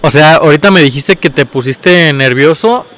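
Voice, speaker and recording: A man's voice: on the high side, normal speed, fairly bright tone. A man with a Mexican accent, co-hosting a casual talk, reacting with slang and asking follow-up questions. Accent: Mexican Spanish. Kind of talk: casual podcast conversation.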